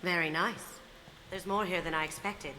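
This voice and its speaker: A woman voicing a sly, low-voiced female thief. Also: fairly even intonation, moderate pace, natural voice. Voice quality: confident, sly, softly spoken. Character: cocky, playful female master thief. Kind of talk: video game dialogue. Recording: game audio with clear background noise.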